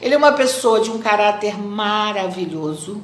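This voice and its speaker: A woman from Brazil, a speaker, giving a live talk in an expressive, didactic manner. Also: mid-range voice, moderate pace, slight background noise. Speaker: psychologist and speaker. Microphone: phone. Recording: roomy echo.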